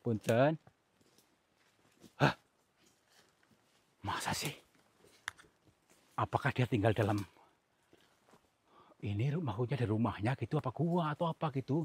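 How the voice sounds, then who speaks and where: A man from Central Java presents a staged ghost-hunting vlog outdoors. He talks in a hushed, coaxing way and often drops to a whisper. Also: mid-range voice, measured pace, long pauses, slight background noise. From Cilacap, Central Java. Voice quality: very husky. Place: outdoors on an overgrown hillside.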